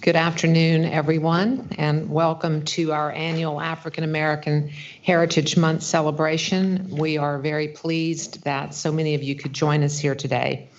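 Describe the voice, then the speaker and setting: A woman's voice: low voice, flat delivery, moderate pace, highs cut off. A woman judge presiding as host, giving a formal welcome speech at a ceremony.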